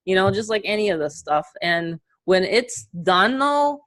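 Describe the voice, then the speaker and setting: A middle-aged woman with a New York accent, giving an energetic, chatty motivational webinar as an online marketing coach. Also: mid-range voice, unhurried. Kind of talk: casual webinar presentation.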